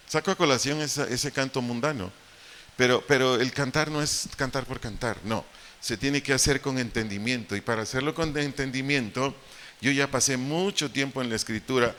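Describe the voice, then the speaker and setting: Mexican pastor preaching a sermon in church, bright ringing voice, keeps throwing questions at the crowd. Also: male voice, medium pitch. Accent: Mexican Spanish. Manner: emphatic preaching, rhetorical questions to the congregation. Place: church hall.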